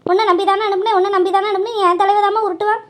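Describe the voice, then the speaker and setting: A woman's voice: very high voice, fairly even intonation, racing. A woman voicing a bossy, fussing middle-aged mother who scolds her family. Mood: fretful. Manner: scolding, chiding. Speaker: voice artist playing a mother.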